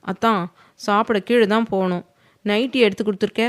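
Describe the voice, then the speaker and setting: A woman's voice: medium pitch, steady tone, a little fast, no echo, close to an everyday voice. A woman reading a pouty playful young wife. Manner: whiny, coaxing delivery.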